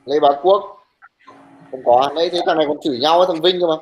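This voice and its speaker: Brisk, teasing male teacher with a higher voice. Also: muffled recording. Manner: brisk and teasing, scolds students bluntly. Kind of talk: online class talk, taking attendance.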